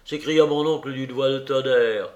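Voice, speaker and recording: A man narrating a literary story aloud in a measured, expressive reading. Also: mid-range voice, echoey room, dull audio. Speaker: audiobook narrator.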